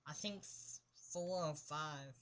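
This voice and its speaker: A woman's voice: deep voice, slow pace. A woman co-hosting a casual sports talk show, making brief, simple remarks.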